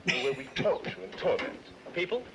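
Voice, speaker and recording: High-voiced boastful film villain. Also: male voice, big pitch swings, normal speed, crowd noise. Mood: menacing boast. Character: man villain boasting of a secret torture base.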